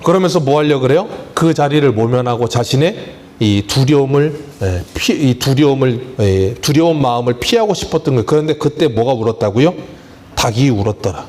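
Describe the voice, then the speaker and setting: A man's voice: mid-range voice, animated, brisk, darkish tone. A middle-aged man, a pastor, preaching a sermon and asking the congregation questions as he goes.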